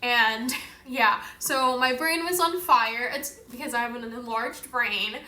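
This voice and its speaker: A woman's voice: a little high, a little slow, sharp tone, reverberant. A young woman from Northern California, chatting to camera for her vlog in an outgoing, earnest way. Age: young adult. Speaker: vlogger. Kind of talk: casual talk to camera.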